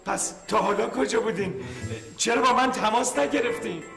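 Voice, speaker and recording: A man's voice: extremely high pitch, gravelly, reverberant, music in the background. An actor playing a confused, suspicious elderly father who asks bewildered, accusing questions.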